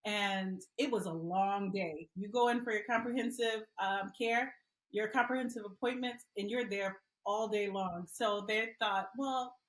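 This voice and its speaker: A middle-aged woman from Liberia, a mother speaking as a guest and telling her story earnestly with frequent pauses. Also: medium pitch, steady tone, reverberant, poor audio. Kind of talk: interview answers.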